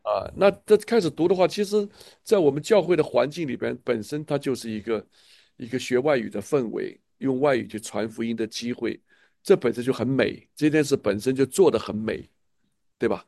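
A man's voice: mid-range voice, brisk, gravelly, mellow, dry recording, studio quality. A man leading a casual church chat, speaking with enthusiasm and a preachy manner, often repeating himself. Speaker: church leader.

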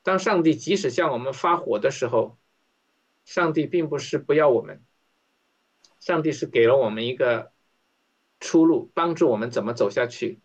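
A man's voice: mid-range voice, lively intonation, moderate pace, long pauses. A man leading an interactive Bible study, talking conversationally and often asking his listeners questions. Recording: dull lo-fi recording.

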